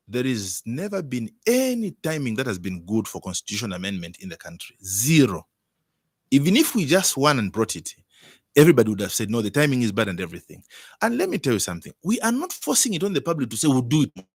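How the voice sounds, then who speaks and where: A man's voice: mid-range voice, sing-song, a little fast, husky, dry recording, studio quality. A man with a Zambian accent speaking as a politician in an interview, arguing emphatically and repeating words and phrases.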